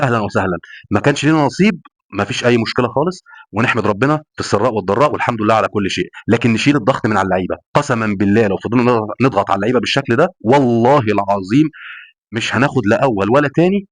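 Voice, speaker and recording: A man's voice: lowish voice, animated, rapid-fire. A man with an Egyptian accent, talking at a breakneck pace in a heated football rant. He hammers points home by repeating himself and swearing oaths. The sound is close and dry, with no room echo. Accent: Egyptian Arabic. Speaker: football fan commentator. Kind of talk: passionate post-match rant.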